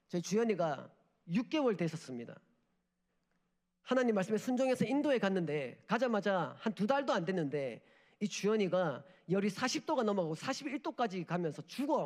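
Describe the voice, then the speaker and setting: Impassioned preacher, lively pitch, echoing hall. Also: male voice, fairly quick. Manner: emotional, swings from loud urging to hushed near-whispers. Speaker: missionary preacher. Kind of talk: sermon. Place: church sanctuary. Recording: long hall reverb.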